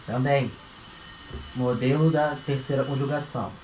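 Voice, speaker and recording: A man's voice: medium pitch, fairly even intonation, measured pace, darkish tone. A man from Brazil teaching a Spanish grammar lesson, patient and repetitive, checking in with the listener after nearly every phrase. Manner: patient, repeats points, tags phrases with "né?" and "tá?". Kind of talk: explanatory language lesson. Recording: echoey room with faint ambient noise.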